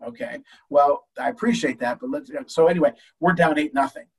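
An older man, a baseball coach, telling an emotional story in an animated way with many restarts. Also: a little high, a little fast, slightly rough, distant mic, low-quality recording. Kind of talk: storytelling in a talk show.

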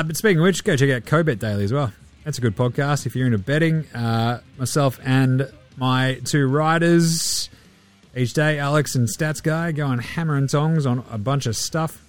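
A man's voice: medium pitch, moderate pace, faint music behind. A man with an Australian accent hosting a sports podcast in casual, blokey, sweary chat.

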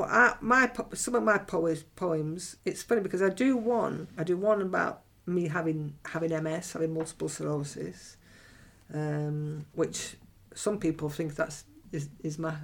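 A woman's voice: sits low, vocal fry. A middle-aged woman poet talking candidly and bluntly about her writing, with many restarts and frequent laughter. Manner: blunt, chatty, frequent restarts and self-corrections; animated, laughs often. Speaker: writer and performance poet. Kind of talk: candid personal monologue.

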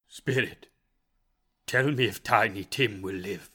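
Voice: low-pitched, takes it slowly, pushed and bright, slightly rough, full character voice. A performer voicing an old male miser pleading anguished with a spirit in a dramatized story.

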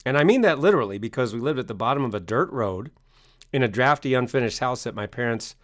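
A middle-aged American man telling his story as an interview guest, emphatic and fond of repeating phrases like a motivational speaker. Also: medium pitch. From Maine, United States. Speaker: guest, success coach and author.

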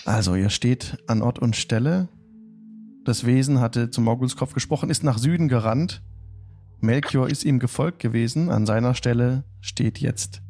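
A man hosting a tabletop game stream as game master, narrating the recap in a deliberate storytelling manner with drawn-out phrases. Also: mid-range voice, vocal fry, dark tone.

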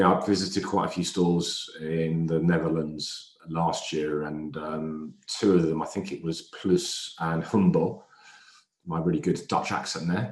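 A man talking as a guest retail analyst in a casual podcast chat, thoughtful and full of fillers. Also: rumbling low. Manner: thoughtful, many fillers and restarts. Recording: roomy echo.

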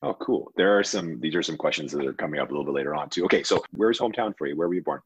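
A man's voice: extremely low pitch, very fast, husky. A man hosting a podcast, asking questions in a friendly, upbeat way. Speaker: podcast host. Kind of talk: interview hosting.

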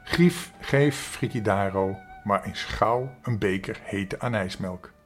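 A man voicing a kind, fatherly old saint in a storybook, calm and gentle. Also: on the low side, slow, soft background music.

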